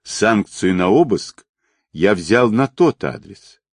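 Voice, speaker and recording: A man voicing a calm, controlled colonel who gives quiet orders. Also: fairly low pitch, slow, dry recording, studio quality, heavily acted. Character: calm, authoritative male colonel.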